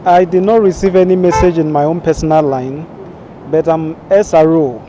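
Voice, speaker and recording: A man's voice: on the high side, steady tone, normal speed, background noise. A man, a SIM registration agent, speaking matter-of-factly in a street interview.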